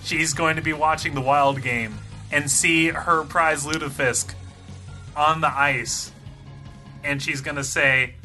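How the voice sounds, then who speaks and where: A man co-hosting a sports podcast, spinning animated comic rants in casual chat. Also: a little high, slow, soft background music. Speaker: podcast co-host, sports writer.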